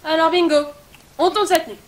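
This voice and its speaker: A woman playing a young documentary director who talks in a brisk, organizing way. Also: sits high, lively intonation.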